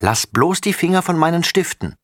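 A man's voice: a little high, big pitch swings, normal speed, a bit bright, no room sound, clean studio sound, voice pushed up. A man voicing a young girl, a bossy and impatient big sister, in a storybook reading. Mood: scolding. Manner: impatient, scolding.

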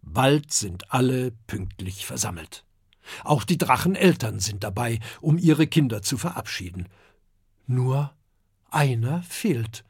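A husky-voiced narrator reading a children's story aloud. The telling is slow and expressive, with a lively, wide-ranging melody. The recording is dry and close. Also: medium pitch, no room sound. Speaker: audiobook narrator.

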